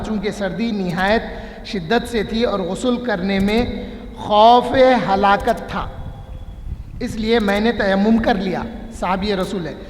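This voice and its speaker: High-voiced man lecturing in an echoing mosque. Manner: explanatory, gives everyday examples. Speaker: religious scholar. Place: large mosque hall. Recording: echoey hall with long reverb.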